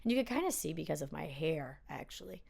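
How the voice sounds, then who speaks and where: A woman's voice: low-pitched, expressive, quick pace, creaky, a little mellow, slightly rough. A young woman chatting casually and self-deprecatingly as she reacts to her own audition tapes.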